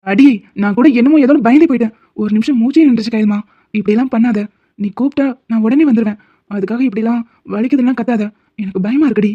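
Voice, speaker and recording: A woman voicing a teasing, doting young husband in an animated cartoon who worries easily. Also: on the high side, fast talker, no echo, muffled recording, close to an everyday voice. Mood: worried doting. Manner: teasing, fussing, affectionate.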